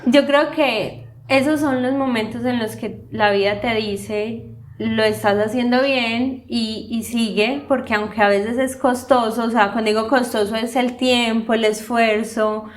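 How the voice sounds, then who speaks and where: Chatty storytelling woman, high voice. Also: unhurried, hardly any pauses, a little hiss or hum. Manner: storytelling, animated, many fillers. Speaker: podcast co-host. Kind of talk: casual conversation.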